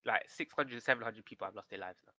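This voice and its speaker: A man co-hosting a casual podcast, retelling a story in a rambling, animated way full of slang. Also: on the low side, fast. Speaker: podcast co-host. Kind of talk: casual chat.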